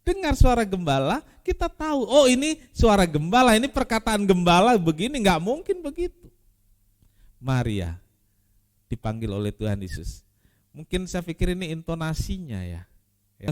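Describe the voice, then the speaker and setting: Man, pastor, preaching a sermon, slightly high voice, very lively pitch, repeats phrases, swings between loud and quiet. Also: clean tone. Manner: repeats key phrases for emphasis.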